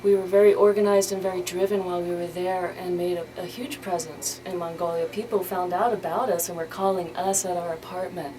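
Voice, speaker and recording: Her lowish voice stays steady and a little fast, with few pauses, as a woman speaks conversationally as a charity organizer being interviewed on the radio. The interview recording is plainly noisy.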